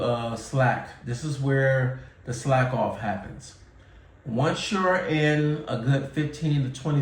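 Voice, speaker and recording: A man's voice: mid-range voice, darkish tone, distant mic. A man in his forties giving candid, casual advice to camera, repeating himself and using fillers. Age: 40s. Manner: candid, repetitive, conversational with fillers. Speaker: YouTuber. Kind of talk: casual talking-head advice. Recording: roomy sound, mic set back.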